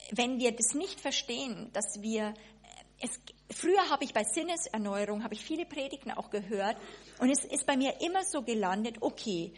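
A woman delivering a sermon, with a voice pitched a bit high and a husky edge. She talks in a lively, spontaneous way, often restarting her sentences. She acts out small asides as she goes. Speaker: preacher.

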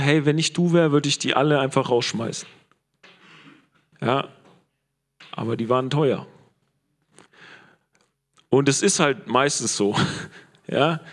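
Male preacher, conversational sermon, somewhat high-pitched, tags lines with questions. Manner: casual, conversational, frequent "ja?" tag questions.

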